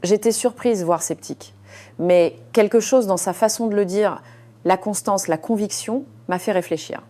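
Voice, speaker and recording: Warm and mid-range, a woman's voice carries a first-person surgeon's story. She speaks in a measured, confiding manner, frequently dropping in hesitant fillers.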